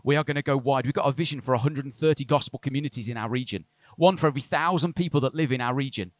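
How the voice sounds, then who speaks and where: A man with a northern English accent preaching a sermon as a church pastor, growing more animated when excited. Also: mid-range voice, racing, no room sound. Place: church service.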